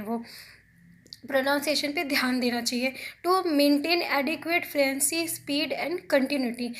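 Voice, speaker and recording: A young woman, teaching a recorded exam prep lesson. She reads each point slowly and carefully, then explains it at length in a plain, patient teaching voice. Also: sits high, a bit bright.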